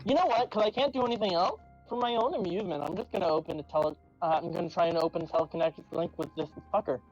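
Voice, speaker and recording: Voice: mid-range voice, very fast, darkish tone. Hesitant player chatting at a tabletop game, muffled lofi audio, some music. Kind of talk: casual game chat. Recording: dull lo-fi sound, background music.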